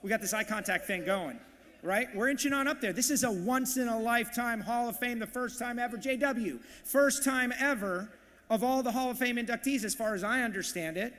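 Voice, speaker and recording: A man working as auctioneer and emcee at a live charity event, calling bids in a rapid, punchy, hyped way. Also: very high voice, fairly bright tone, big-room sound. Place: large banquet hall, live audience.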